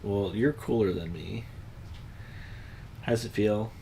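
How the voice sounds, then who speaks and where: A man's voice: fairly low pitch, slow pace, creaky, dark tone, slight background noise. A young man co-hosting a late-night livestream, chatting casually with many fillers and restarts. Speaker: livestream co-host. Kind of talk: casual chat.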